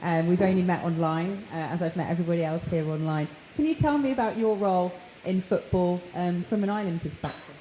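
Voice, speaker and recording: Female panel moderator, mellow tone, encouraging questions, roomy sound. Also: lowish voice, fairly quick, few pauses, slight background noise. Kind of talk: panel discussion. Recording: echoey room with faint ambience.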